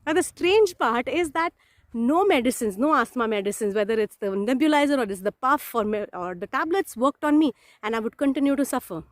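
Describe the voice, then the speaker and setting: A woman, a coach telling a personal story to camera in an expressive, emphatic way. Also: a little high, fairly quick, no echo. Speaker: NLP coach. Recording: noticeable background noise.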